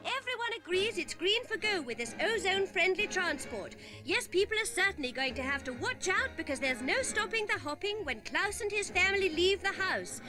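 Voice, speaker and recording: A very high-voiced woman delivers mock old-newsreel commentary in a jaunty, punning way. Clear music plays behind her. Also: very animated, normal speed, few pauses. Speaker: comic commentator.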